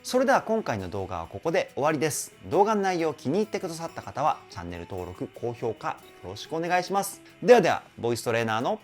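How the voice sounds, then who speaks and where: Young man, vocal coach, animated voice, chatty and excited, faint music behind. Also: a little high, quick pace, hardly any pauses. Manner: chatty and enthusiastic, laughs often. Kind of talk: casual song reaction and analysis.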